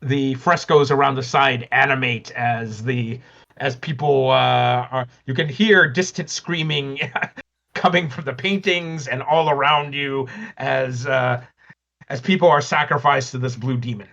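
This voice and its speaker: Guy running a tabletop game, lots of uhs, bright voice, dull lo-fi sound. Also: mid-range voice, fairly even intonation, a little slow, gravelly. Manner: hesitant, many fillers, chuckling. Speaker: game master.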